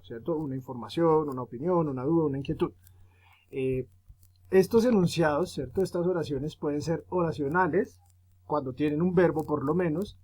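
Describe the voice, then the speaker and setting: A male teacher giving a grammar lesson, explaining patiently, often checking in with "¿cierto?" and filling pauses with "eh". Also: on the high side, darkish tone. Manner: explanatory, frequent "¿cierto?" tag questions; fillers "eh" and restarts while explaining. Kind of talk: recorded grammar lesson for students.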